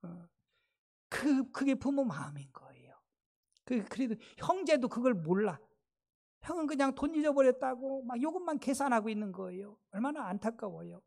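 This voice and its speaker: High-voiced pastor telling a sermon story. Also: male voice. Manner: lively storytelling, asks the congregation questions. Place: church sanctuary.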